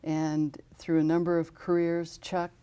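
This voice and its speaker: Her low, smooth, warm voice has a flat delivery and a measured pace. She's an American woman in her fifties, a guest from an aviation safety foundation who lists honorees in a TV studio interview, speaking steadily and informatively with frequent fillers.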